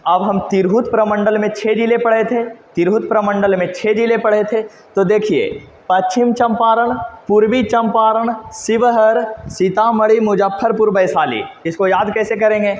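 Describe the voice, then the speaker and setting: A man's voice: high voice, fairly even intonation, a little slow, a little hiss or hum. A male teacher, teaching geography by mnemonics, asking questions and answering them himself in repetitive call-and-response. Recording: echoey hall, dull lo-fi sound.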